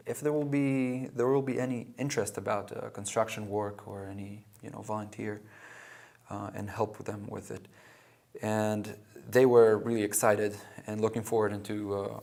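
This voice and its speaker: Low-voiced man who grew up in Israel. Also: creaky. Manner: halting, with many pauses and fillers. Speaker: guest, club president. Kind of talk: interview answers.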